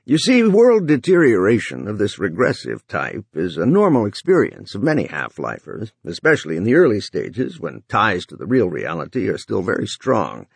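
A gravelly, booming older boss pitching a product like a TV ad, as a man puts him on. He talks slowly, with a lively, swooping pitch in a dry room. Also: dry recording, exaggerated voice. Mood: salesy.

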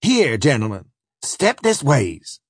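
Man doing a loud brash overseer. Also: medium pitch, wildly swooping pitch, slow, no room sound, clean studio sound, full character voice. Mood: hollering. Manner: brash, hollering, rough dialect.

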